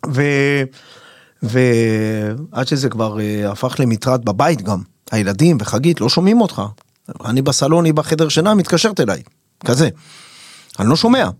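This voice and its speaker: A middle-aged man, a stand-up comedian chatting casually and acting out stage anecdotes in lively quoted voices. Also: no room sound, studio quality. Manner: animated storyteller, jumps into high voices for quoted people.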